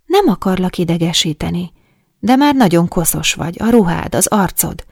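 A woman voicing a gentle, wise little boy who talks softly and patiently, in an audiobook. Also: fairly low pitch, expressive, no echo, studio quality. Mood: curious. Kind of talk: audiobook character voice.

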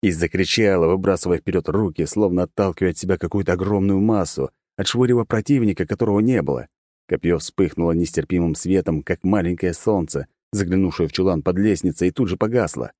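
A man narrating a fantasy audiobook in the first person, steady and measured. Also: low voice, no echo.

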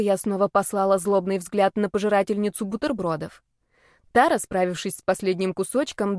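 Woman, audiobook narrator, lively expressive reading, mid-pitched voice, dry close recording. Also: no room sound. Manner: lively, indignant and playful in character lines.

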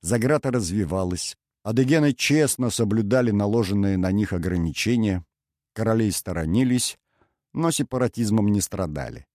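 A man narrating an audiobook in a measured, dramatic reading style. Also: fairly low pitch, lively intonation, darkish tone, no echo, studio quality. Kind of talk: scripted narration.

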